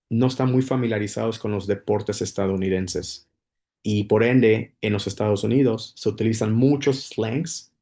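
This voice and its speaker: A man's voice: fairly low pitch, gravelly, dark tone. A man giving a casual spoken English lesson, explaining patiently with many repetitions and restarts. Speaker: English teacher.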